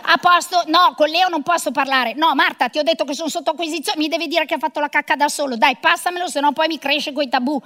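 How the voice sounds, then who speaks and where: A woman's voice: high-pitched, fast talker, few pauses, sharp tone. A middle-aged woman performing a comic monologue of phone calls as a bossy, sarcastic career mother.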